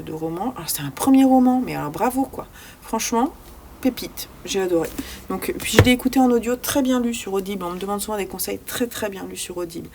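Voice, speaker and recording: A woman with a mid-range voice casually reviews books she has read in a vlog, over audible background noise. Her speech is free-flowing but full of fillers and restarts as she searches for words.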